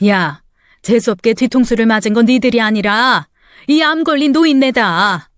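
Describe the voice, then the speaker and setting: A woman's voice: on the high side, moderate pace, dry recording, studio quality, lightly acted. A woman voicing a furious elderly mother-in-law who curses and scolds her son-in-law in a dramatized story. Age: older. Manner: scolding, cursing. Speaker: story character voice.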